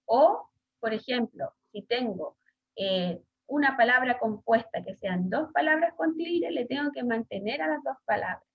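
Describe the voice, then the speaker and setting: Speaking unhurriedly with lively intonation, a woman schoolteacher with a Chilean Spanish accent leads an online class, hesitant and full of fillers and questions for her pupils. Her voice is fairly high and slightly rough. It comes through a video call with dull, lo-fi audio.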